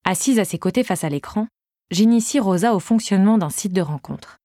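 A woman's voice: mid-range voice, expressive, a little fast, dark tone, no echo. A woman narrating a story in the first person with a wry, dry-humored delivery. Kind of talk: audiobook reading.

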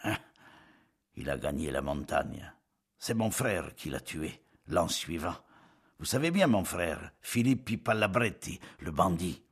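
A man voicing a tall, stooped, sickly Corsican villager who drawls his words in a flat monotone. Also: deep voice, a little slow, breathy edge, full character voice. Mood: resigned.

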